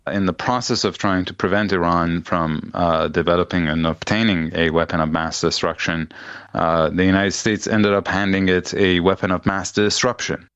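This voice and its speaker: A man in a tinny played-in radio clip, deep and flat. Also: clear, resonant tone, no echo. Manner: measured, pausing with fillers. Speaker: commentator in a news clip. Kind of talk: analytical comment. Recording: dull lo-fi clip, slightly distant.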